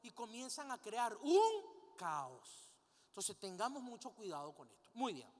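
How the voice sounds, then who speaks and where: A woman's voice: fairly high pitch, expressive, fairly quick. A woman preaching a sermon, often asking her congregation rhetorical questions and having them repeat lines after her. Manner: leads the congregation in call-and-response. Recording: long hall reverb.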